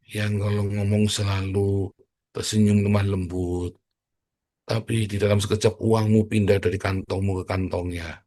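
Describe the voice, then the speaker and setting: A man's voice: lowish voice, darkish tone. A middle-aged man preaching a sermon in a blunt, joking, provocative manner, addressing the congregation as brothers and sisters. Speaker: pastor.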